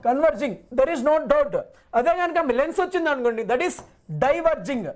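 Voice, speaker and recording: High-voiced man teaching, repeating himself. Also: expressive, brisk. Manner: repeats himself, asks and answers his own questions; reassuring, coaxing students. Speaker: physics teacher. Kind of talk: live online class.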